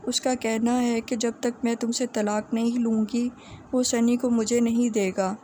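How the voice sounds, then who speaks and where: A proud, determined young woman in a romance audiobook, read by a woman, speaking firmly with halting pauses. The voice is fairly high and mellow. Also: level tone, a little hiss or hum, lightly acted. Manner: firm, hesitant pauses.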